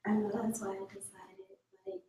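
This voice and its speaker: A woman at a meeting, talking casually and in a relaxed way. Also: medium pitch, moderate pace, a little hiss or hum. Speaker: unit member at the meeting. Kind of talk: casual conversation. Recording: echoey room, far from the mic.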